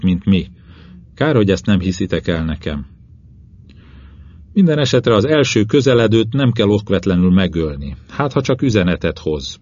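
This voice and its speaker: A man narrating a first-person novel as an audiobook reader, measured and steady. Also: fairly low pitch, highs cut off.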